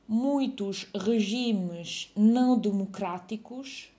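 Woman, dictation teacher, very slow, warm, measured, repeats each phrase. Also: medium pitch. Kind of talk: slow dictation, phrases read twice with punctuation called out.

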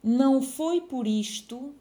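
A woman's voice: high voice, slow, mellow. A woman reading a dictation, saying each phrase twice and calling out the punctuation. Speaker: dictation teacher.

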